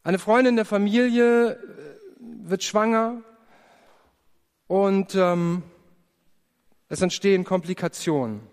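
A man giving an earnest personal testimony in a sermon, telling his story with prayerful pauses. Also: high-pitched, darkish tone, clean tone. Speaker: preacher. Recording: long hall reverb.

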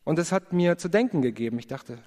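A man giving an earnest personal testimony in a sermon, telling his story with prayerful pauses. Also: on the high side, lively intonation, darkish tone. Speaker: preacher. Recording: long hall reverb.

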